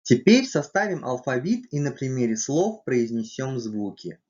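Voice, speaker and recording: A man's voice: mid-range voice, sing-song, normal speed, darkish tone, lo-fi sound. A man narrating a scripted language lesson, carefully spelling out letters and sounds one at a time. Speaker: language teacher.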